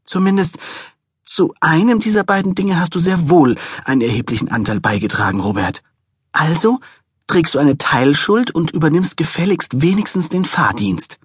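Brief: high, shrill, bossy pregnant woman with cravings, read by a husky-voiced man, storybook. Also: lively intonation, moderate pace, dry recording, clean studio sound. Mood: scolding. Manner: shrill, demanding, bratty.

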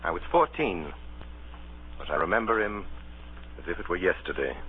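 An actor playing a grown man who solemnly recounts his boyhood adventure as narrator of an old-fashioned radio drama, measured and literary. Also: sits low, very animated, slight background noise. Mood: grave, reflective. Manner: measured, grave, literary storytelling. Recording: tinny old radio broadcast, music behind.

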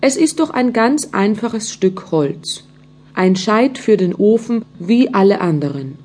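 A woman's voice: medium pitch, lively intonation, unhurried, darkish tone. A woman voicing an old male carpenter who talks to himself and gets easily frightened, in a storybook. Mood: fearful. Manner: talks to himself, stammering when scared.

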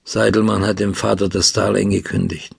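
A man voicing a kind, hardworking young weaver in an audiobook, speaking in a friendly, helpful way with a gravelly, husky voice. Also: lowish voice, level tone, a little fast, exaggerated voice. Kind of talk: audiobook dialogue.

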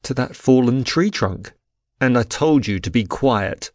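A man voicing a stern young warrior in an audiobook, firm, measured and authoritative. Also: mid-range voice, animated, a little mellow, dry recording, studio quality, close to an everyday voice. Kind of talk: audiobook character voice.

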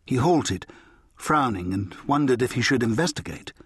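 A man reading an audiobook in measured scripted narration, close to a studio mic. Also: medium pitch, animated, breathy edge, no echo. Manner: measured, storytelling.

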